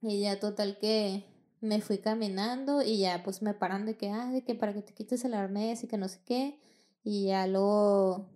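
A woman's voice: mid-range voice, steady tone, normal speed, warm tone. A young woman with a Mexican accent, telling a personal story in casual, slangy, profane chat and acting out the dialogue. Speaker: podcast host.

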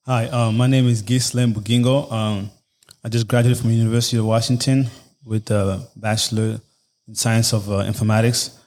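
A young man in his early twenties, from Congo, answers as a podcast guest. His mellow voice stays flat in pitch, and he speaks hesitantly with frequent fillers. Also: moderate pace. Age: 20s.

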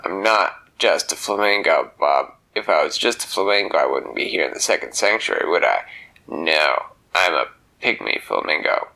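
A man voicing a gruff, pushy male pygmy flamingo in a bedtime story, growling low and fast. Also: animated, pushed and bright, full character voice.

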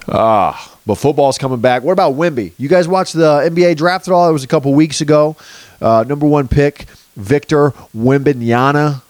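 A man's voice: medium pitch, no room sound. A man doing a rambling comic monologue as a podcast host, crude and sarcastic, swearing freely and jumping loosely from topic to topic. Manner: jumps loosely between topics.

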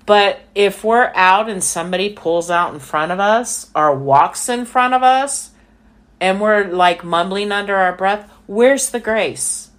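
A woman's voice: mid-range voice, fairly bright tone. A woman co-hosting a faith-based podcast, talking in an earnest, reflective, casual way. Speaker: podcast co-host.

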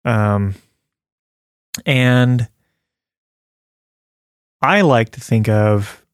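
A man's voice: mid-range voice, very slow, clean tone, no echo, clean studio sound. A man co-hosting a casual faith talk, reading scripture aloud and chatting earnestly with many fillers and easy laughs. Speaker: podcast co-host sharing a devotional.

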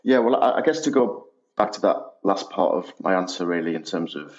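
Low-voiced Sunderland man, slightly muffled. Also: animated, fairly quick. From Sunderland, North East England. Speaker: podcast guest, housing operations head. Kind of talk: conversational interview answers. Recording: dull, muffled lo-fi audio.

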